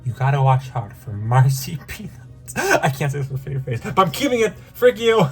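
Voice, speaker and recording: Excitable guy doing a tier list, kinda high voice, strained, goes all over the place, bit of music behind. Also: moderate pace. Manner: animated, excitable, jumps to high-pitched outbursts and laughs. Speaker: YouTuber ranking characters. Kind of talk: casual tier-list commentary.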